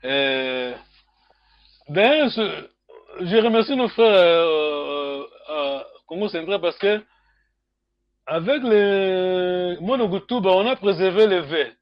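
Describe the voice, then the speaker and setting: Homme à voix aiguë, débit lent. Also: male voice, high-pitched, animated, no room sound, dull audio. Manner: slow, questioning students, many hmm fillers. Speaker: Kikongo language teacher. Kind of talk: online group lesson.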